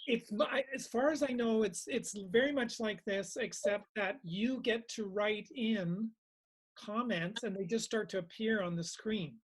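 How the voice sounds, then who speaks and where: A man's voice: high voice, a little slow, husky, low-quality recording. Male meditation teacher, informal and reflective, leaning on repetition for emphasis. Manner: reflective, repeats phrases for emphasis.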